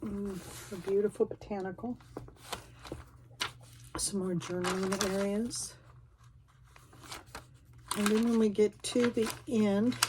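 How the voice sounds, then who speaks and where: A woman's voice: mid-range voice, dark tone, slight background noise. A middle-aged woman, chatting casually and a bit self-deprecatingly as she flips through a craft journal. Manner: folksy, self-deprecating, rambling. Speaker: craft vlogger.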